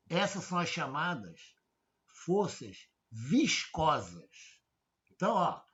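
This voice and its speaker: A man's voice: a little high, pushed and bright. Guy lecturing casually, keeps asking "right?", bouncy voice, muffled audio. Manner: conversational, frequent "né?" checks, rhetorical questions. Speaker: professor. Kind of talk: informal lecture. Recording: dull lo-fi audio.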